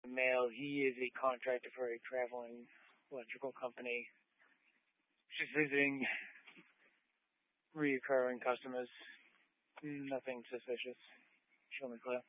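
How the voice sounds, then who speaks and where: A man reports over a police two-way radio, his voice thin, tinny and heard from a step off the mic. He keeps a flat, clipped, matter-of-fact delivery. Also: mid-range voice, unhurried, pauses often.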